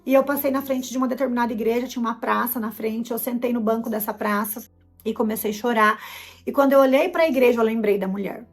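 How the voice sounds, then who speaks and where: A Brazilian woman with a Brazilian Portuguese accent, middle-aged, her voice pitched a little high, tells her faith story with feeling and slips into her own past words as she goes. Soft music plays faintly behind her. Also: steady tone, fast talker. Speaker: host giving a personal testimony. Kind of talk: emotional personal testimony.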